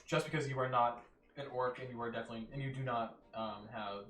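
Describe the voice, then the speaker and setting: A man's voice: mid-range voice, steady tone, fast talker, a bit bright. A man running a tabletop game as game master, narrating casually. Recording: roomy, distant mic, music behind.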